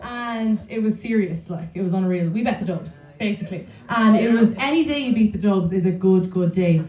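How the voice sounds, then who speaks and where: A woman's voice: medium pitch, brisk, far from the mic, noisy background. A young Irish woman telling personal stories informally to a live audience, chatty and self-deprecating in the manner of an Irish storyteller. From County Laois, Ireland. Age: young adult. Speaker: speaker at a storytelling night. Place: indoor room at a live event. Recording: echoey room.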